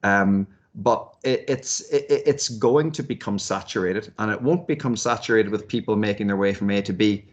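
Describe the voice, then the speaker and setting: A man's voice: fairly low pitch, normal speed, hardly any pauses, muffled recording. A man giving thoughtful, hesitant interview answers, often repeating words as he works out his ideas. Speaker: university lecturer and researcher, interviewee.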